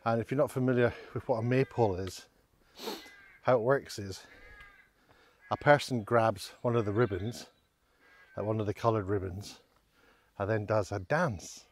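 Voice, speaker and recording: A middle-aged vlogger and walking guide films himself on a handheld camera held at arm's length while strolling through village streets and country lanes. His fairly low voice moves at normal speed with long pauses, delivering casual, wry, self-deprecating commentary full of hesitant asides.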